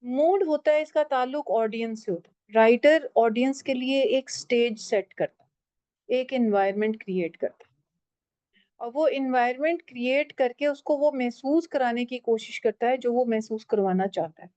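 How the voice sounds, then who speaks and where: A woman's voice: a little high, moderate pace, a little mellow, dry recording, highs cut off. A woman teaching a writing class, explaining step by step and often checking in with her students. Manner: switches often into English phrases. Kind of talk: online class lecture.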